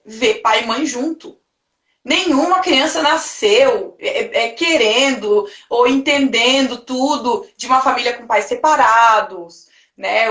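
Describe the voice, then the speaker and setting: A woman family therapist talks through family problems at length. Her voice sits high, and the room around her is roomy and echoey. She slips into little quoted voices of parents and children as she explains. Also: fairly bright tone. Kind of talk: casual live-stream talk.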